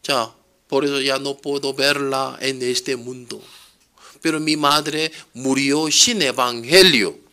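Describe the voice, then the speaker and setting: A man's voice: medium pitch, fairly even intonation, slow, pushed and bright. A man voicing a grieving young woman who pleads plaintively, in a sermon. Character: grieving young woman mourning her family.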